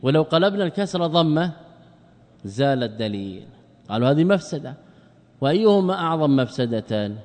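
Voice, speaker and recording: In a classroom, a man lectures on Arabic grammar, posing rhetorical questions he answers himself and slowing down to spell out word forms. His pitch is fairly high with big swings, his tone a little mellow, and a long reverb tail trails his words.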